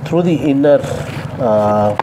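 There's steady room noise as a young man, seated on the floor indoors at home, talks through a casual how-to demonstration for his vlog. His medium-pitched explanation is halting, with frequent pauses mid-sentence as he works.

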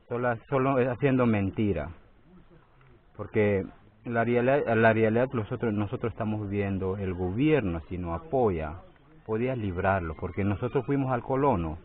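A man in his forties with a low voice speaks haltingly outdoors, repeating words and pressing his points with force. A phone held close to his face picks him up. The sound is thin and tinny, like a phone line. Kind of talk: outdoor field interview. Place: outdoors by a forest clearing. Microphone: phone held near the face.

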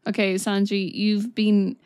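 A woman's voice: medium pitch, little pitch movement, measured pace, a little mellow, dry recording, soft background music. A woman hosting an anime reaction video, gushing, exclaiming and swearing casually as she watches.

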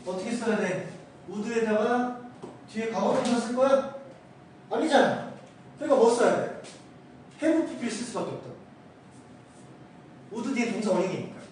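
A man teaching an English grammar lesson in a casual, lively way, checking often that his students follow. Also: high-pitched, slight background noise. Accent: Korean. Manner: animated, asks students constant check questions. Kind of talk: casual classroom lecture. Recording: echoey room, far from the mic.

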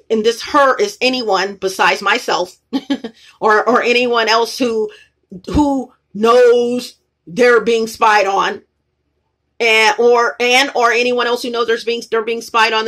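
A woman with a slightly high, fairly bright voice vlogs from her apartment, rambling and repeating herself as she speaks straight to her viewers. She films on a phone whose camera points at the ceiling.

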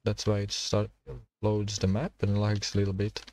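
A man streaming a survival game, talking to himself and his chat in halting, while he plays. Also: fairly low pitch, completely flat delivery, a little mellow, slight background noise. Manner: halting non-native English, thinking aloud while playing. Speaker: gaming streamer. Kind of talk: casual gameplay commentary.

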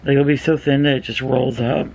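A man's voice: mid-range voice, little pitch movement, fairly quick, creaky, a little mellow, a little hiss or hum, rough recording. A man vlogging casually while wearing a sheet face mask, rambling and chatty with fillers. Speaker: beauty vlogger. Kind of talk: casual vlog chat.

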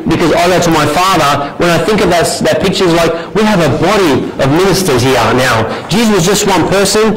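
Earnest man teaching. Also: on the high side. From Romania. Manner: earnest, restarts a lot, gestures while standing. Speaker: discipleship trainer. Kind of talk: teaching talk with stories. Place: small indoor meeting room. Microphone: far camera. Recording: echoey room with background noise.

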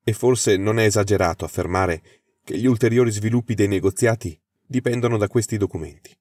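A man's voice: on the low side, a little fast, a little mellow, dry recording, clean studio sound, natural voice. A man voicing a flustered, anxious young government official who explains his trouble earnestly.

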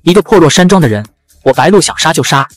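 A male narrator voicing an arrogant young noblewoman, scornful and domineering, speaking fast. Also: sits low, sing-song, soft background music.

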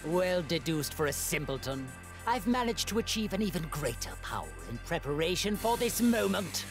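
A man's voice: high voice, very animated, moderate pace. A man voicing a haughty, vengeful alien tyrant in a video game, delivering sneering, theatrical villain monologue. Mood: contemptuous. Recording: game music behind the voice.

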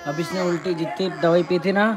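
A man's voice: high voice, fairly even intonation, brisk, noisy background. A man filming a casual family vlog as a father, coaxing and soothing a small child.

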